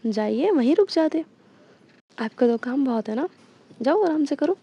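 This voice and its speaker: A woman's voice: high voice, lively intonation, normal speed, dark tone. A woman voicing a hurt young woman who scolds her partner for always working. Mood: sulky, scolding. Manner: scolding, reproachful.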